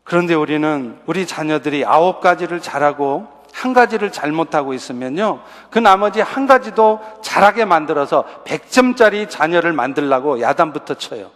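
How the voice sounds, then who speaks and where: A man with a notably high voice preaches a sermon, talking to his congregation in a conversational way and asking them rhetorical questions. His words ring out with a long reverb, as in a large church sanctuary. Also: expressive, normal speed, hardly any pauses, fairly bright tone. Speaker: pastor.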